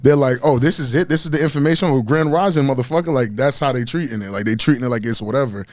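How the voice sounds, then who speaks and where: A young man in casual podcast talk, quick and teasing, joking around with friends. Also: medium pitch, a little mellow, no room sound. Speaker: podcast co-host. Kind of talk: casual chat.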